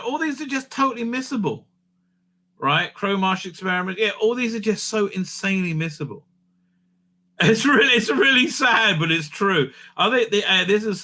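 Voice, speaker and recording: Indoors at home, a man hosts a casual livestream review show. His fairly high voice is strikingly bright and sharp. He rambles off the cuff with firm opinions, repeatedly ending his thoughts with a quick "right?".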